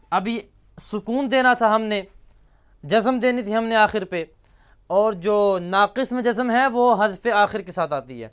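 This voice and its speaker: A man teaching a grammar lesson, slowly reciting verb forms and asking and answering his own questions. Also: sits high, a bit bright, clear, resonant tone. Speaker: teacher of Arabic morphology.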